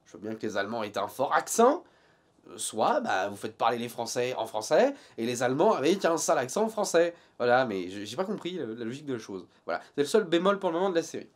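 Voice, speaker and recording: Lively, high-voiced sarcastic male reviewer. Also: quick pace, few pauses. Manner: sarcastic and joking, then earnest critique. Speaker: TV series reviewer. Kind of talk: casual video review.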